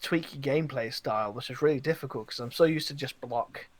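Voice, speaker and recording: Here a gaming podcast host with a medium-pitched voice talks a little fast in a dry recording. His casual, animated chat rambles, and he dramatizes the quoted reactions in his stories.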